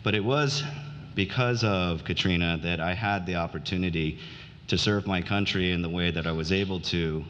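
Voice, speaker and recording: A middle-aged man giving a conference speech, halting with many fillers and restarts. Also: deep voice, fairly bright tone. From United States (grew up in New Orleans). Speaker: conference speaker. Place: conference hall. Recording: dull reverberant hall.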